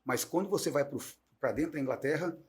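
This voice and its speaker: A middle-aged man chats as a guest teacher on a talk show. He tells stories in a lively, talkative way. His voice sits slightly higher than most men's. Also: quick pace. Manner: animated, chatty storyteller. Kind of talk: casual talk-show conversation.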